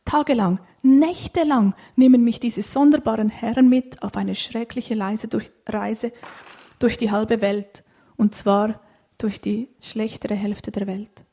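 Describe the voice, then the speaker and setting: A woman voicing a grumpy, tired camel that grumbles and complains in a whiny, drawn-out way for a storybook. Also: a little high, steady tone, mellow. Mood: grumbling.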